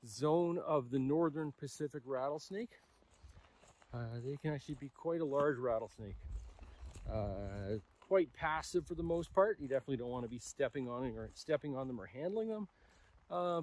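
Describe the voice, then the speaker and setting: Young adult male wildlife photographer, outdoors, easygoing rambling vlog talk, mid-pitched voice. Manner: relaxed, halting, many fillers. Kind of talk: casual vlog narration while hiking. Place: outdoors in open grassland.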